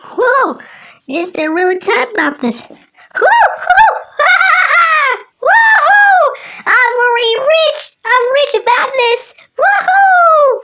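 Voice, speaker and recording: An amateur performer voicing a mischievous, excitable cartoon woodpecker, rambling and exclaiming with drawn-out words. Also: very high voice, vocal fry, heavily acted. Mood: wildly elated. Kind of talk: amateur cartoon character impression.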